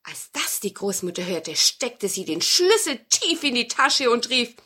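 Bright, lively woman telling a fairy tale. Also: on the high side, measured pace, slightly rough. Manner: expressive, with sound effects. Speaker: storyteller. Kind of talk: fairy tale reading for children.

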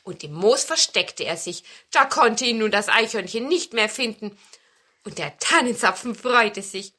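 A woman reading a children's fairy tale aloud in an expressive storytelling manner. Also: on the high side, a little slow.

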